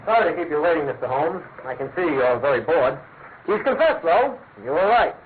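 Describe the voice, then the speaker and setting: Smug police inspector, officious, emphatic, high voice, radio drama, noisy narrow-band recording. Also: male voice, very animated, brisk. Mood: blustering. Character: blustering, self-satisfied male police inspector. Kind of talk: classic radio drama acting.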